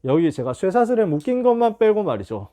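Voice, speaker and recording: A man voicing calm, witty Paul. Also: sits high, a little fast. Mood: calm, amused. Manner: calm, easy and gently humorous.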